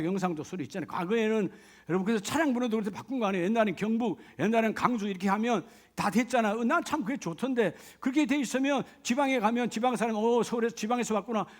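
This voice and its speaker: A man's voice: high voice, fast. A middle-aged male pastor preaching a sermon in a conversational way, often asking the congregation rhetorical questions.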